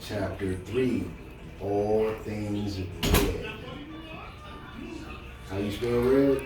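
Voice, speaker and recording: Extremely slowly and in a fairly low voice, a man reads aloud from a children's storybook, casually encouraging his listener and asking questions along the way. The sound is echoey from a distant microphone, with music behind.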